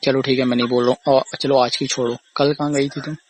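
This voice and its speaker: With a breathy edge and flat delivery, a medium-pitched young man talks fast during a casual argumentative phone conversation. He's the boyfriend or husband on the recorded call, repetitive, accusing and aggrieved.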